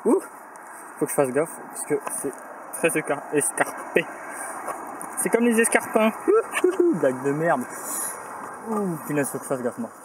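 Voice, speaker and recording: A young cycling vlogger narrates his trip to a handheld camera in a fairly high, very animated voice, speaking a little slowly with long pauses. He's chatty, self-mocking, full of fillers and a bit tired, moving outdoors through a village and a forest and into a small bunker, with clear ambient noise on the camera audio.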